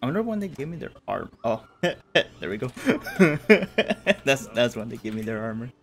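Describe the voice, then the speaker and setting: His mid-range voice swings widely in pitch, a bit bright and a little slow. The speaker, a man in his thirties from California, USA, laughs often as he casually comments on a game he's streaming from a room at home, faint game music behind him.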